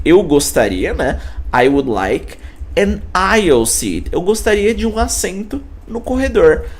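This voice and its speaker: A man from Brazil teaching an online English lesson, speaking directly to the viewer and slowing down to model each word. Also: fairly high pitch. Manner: energetic, talks straight to the viewer, models pronunciation slowly.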